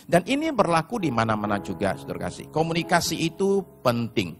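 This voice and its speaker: A man preaching a sermon as pastor, telling stories and addressing the congregation directly, sometimes shouting in put-on voices. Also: fairly high pitch, wildly swooping pitch, fairly quick, music in the background.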